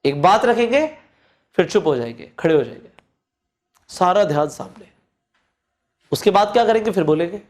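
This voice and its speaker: A man teaching presentation skills, speaking in deliberate pauses and swinging his voice up and down to stress points. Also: very animated, darkish tone. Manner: deliberate pauses and swings in pitch to show modulation; repeats phrases for emphasis, addresses listener directly. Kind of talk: coaching lesson mixing Hindi and English.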